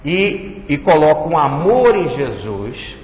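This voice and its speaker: Male lecturer, religious study talk, unhurried, melodic delivery, echoey hall recording. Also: a little high, sing-song. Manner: explanatory, repeats and enumerates points slowly. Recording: echoey hall, dull lo-fi, faint hiss.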